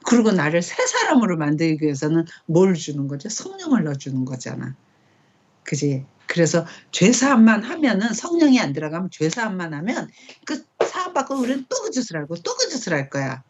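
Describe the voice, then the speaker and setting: A middle-aged woman leading a casual Bible study. She talks in a conversational way and often checks in with quick rhetorical questions. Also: on the low side, wildly swooping pitch, a little mellow, highs cut off.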